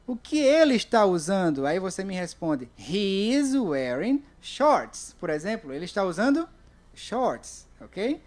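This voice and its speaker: A Brazilian woman teaching an online English class, stressing each word slowly and checking in with "ok?" after most points. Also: medium pitch, big pitch swings, a little mellow. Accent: Brazilian Portuguese. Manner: repeats words slowly, checks in with "ok?".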